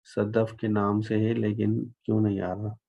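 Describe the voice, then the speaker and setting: A man's voice: fairly low pitch, flat delivery, measured pace, creaky, mellow, dull audio. An older man with a Pakistani accent teaching English in a live online class. He switches between Urdu-Hindi and English, repeats phrases and stretches out the example sentences. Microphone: computer microphone.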